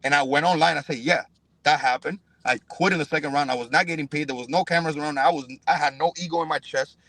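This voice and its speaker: A young Cuban fighter appears as a podcast guest, speaking quickly in a fairly high, fairly bright voice with a steady tone. The audio is poor and lacks room sound; his casual talk is emphatic and profane, dotted with "bro" and "you know what I'm saying."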